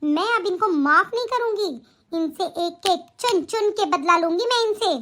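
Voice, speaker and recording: A woman voicing a sly, scheming young sister-in-law in an animated cartoon, whiny at times. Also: extremely high pitch.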